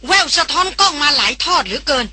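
A woman reading a novel aloud, voicing an excited young female chemist who talks breathlessly and insistently. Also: fairly high pitch, moderate pace, slightly rough, exaggerated voice.

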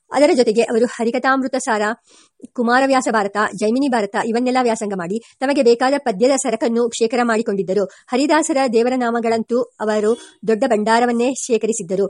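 A woman reading a memoir aloud as an audiobook, at a steady pace that slows for the verses and quoted speech. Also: a little high, no echo, studio quality. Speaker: audiobook reader. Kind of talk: read-aloud memoir narration.

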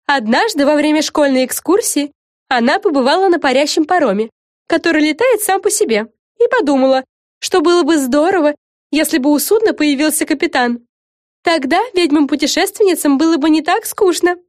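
A woman's voice: sits high, lively intonation, a little fast, no room sound, clean studio sound, pitched above the performer's own voice. A woman doing a pushy presenter witch. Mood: presenting. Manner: bossy, presenter-like. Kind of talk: audiobook character voice.

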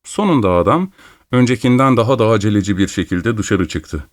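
A man narrating a classic detective story in the first person, in a measured storytelling manner. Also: on the low side, expressive, no echo. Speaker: audiobook narrator.

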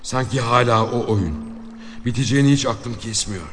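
A man voicing a mortally wounded male outlaw who talks on defiantly while dying, his voice low and subdued. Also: moderate pace, a bit bright, long reverb tail, faint music behind, close to an everyday voice. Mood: bitter. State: dying from a gunshot.

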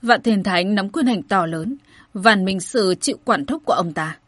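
A woman voicing a nimble old male steward who explains things quietly and patiently. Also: medium pitch, expressive, normal speed, dry recording, lightly acted. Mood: placating.

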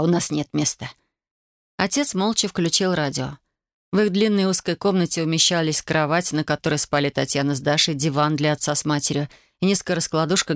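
Low-voiced woman reading an audiobook. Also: no echo, studio quality. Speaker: audiobook reader. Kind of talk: scripted audiobook narration.

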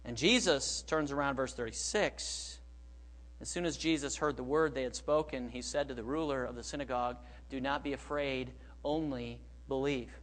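A middle-aged man preaching a sermon as pastor, moving between quiet, hushed phrases and loud, emphatic bursts. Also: medium pitch, normal speed.

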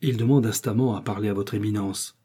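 A dutiful palace officer makes a formal announcement, as a man reads him. His voice is low and husky. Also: fairly even intonation, fast, warm tone.

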